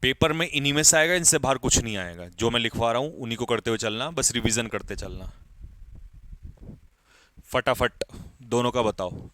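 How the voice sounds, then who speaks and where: A man's voice: mid-range voice, expressive, normal speed, long pauses, sharp tone, slight background noise. A man teaching an English grammar lesson to exam students, calling out examples and quizzing the class.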